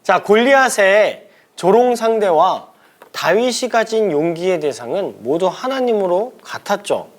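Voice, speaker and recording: A man's voice: high-pitched, very animated, unhurried. A young man from a church school leading a children's craft lesson, asking questions and exclaiming playfully.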